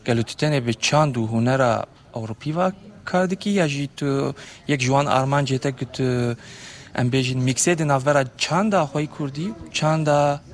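A man moderating a panel, asking questions in two languages with hesitant fillers. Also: medium pitch.

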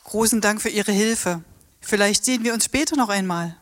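A woman's voice: medium pitch, normal speed, dry recording, lightly acted. Lady doing a very polite japanese tour guide, formal, dry studio sound.

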